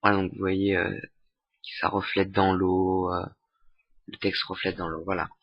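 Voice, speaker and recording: Young man, lowish husky voice, halting casual tutorial, dull dry home mic. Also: completely flat delivery, dry recording. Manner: hesitant, many fillers and restarts, self-mocking. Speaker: software tutorial maker. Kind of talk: casual screen-recorded tutorial.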